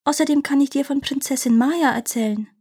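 A woman voicing a proud male parrot king in a storybook reading, talking high and quick. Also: a little mellow, natural voice. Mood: eager.

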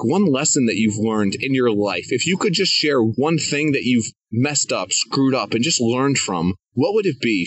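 A young man hosts a podcast with an enthusiastic, upbeat delivery, eager to give advice. His voice is a bit husky and breathy, and the recording sounds dry and close. He speaks at an ordinary middle pitch. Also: no echo, lo-fi sound. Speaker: podcast host. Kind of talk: casual interview. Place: living in Thailand, jungle sounds around.

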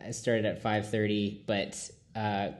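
A man's voice: lowish voice, little pitch movement, slow, dry recording. A man hosting a podcast, talking casually and laughing at himself while he has a cold. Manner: chatty, self-deprecating, laughs easily. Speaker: podcast host.

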